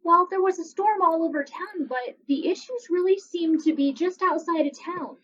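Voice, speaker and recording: High-voiced woman in role-play. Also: moderate pace, lo-fi sound. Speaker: player voicing a housewife.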